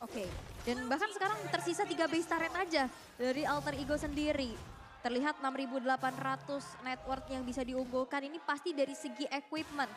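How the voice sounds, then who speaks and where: High-pitched woman analysing esports. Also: fairly quick. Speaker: esports match co-commentator. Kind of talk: live esports analysis commentary.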